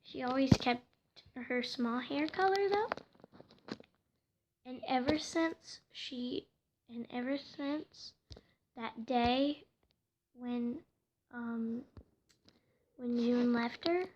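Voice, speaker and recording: A woman telling a home-made story casually, hesitant and soft, often slipping into whispers, with faint noise behind her. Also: high voice, very slow, long pauses, muffled recording.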